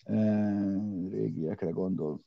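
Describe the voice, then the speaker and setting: A man's voice: lowish voice, steady tone, gravelly, muffled recording, slight background noise. A man co-hosting a casual car show, talking in rambling bursts with fillers and restarts. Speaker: podcast co-host. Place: separate room from co-hosts.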